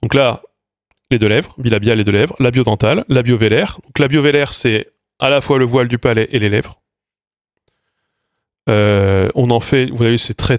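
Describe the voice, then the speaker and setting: A man's voice: medium pitch, no echo, clean studio sound. Chatty man demonstrating speech sounds. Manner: hesitant, many fillers and restarts, demonstrates sounds aloud. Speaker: linguistics streamer. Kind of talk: casual explanatory lesson.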